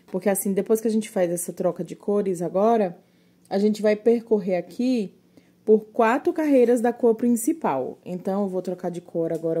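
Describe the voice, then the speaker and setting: A woman's voice: on the low side, mellow, breathy edge. A woman teaching crochet step by step, patiently counting stitches aloud and a little short of breath.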